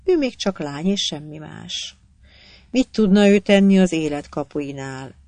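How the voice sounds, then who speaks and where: A calm, blunt woman of the desert read aloud by a narrator. She speaks plainly with quiet authority. The sound is close and dry. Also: mid-range voice, gravelly, no room sound. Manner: plain-spoken, calmly superior. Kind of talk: audiobook character voice.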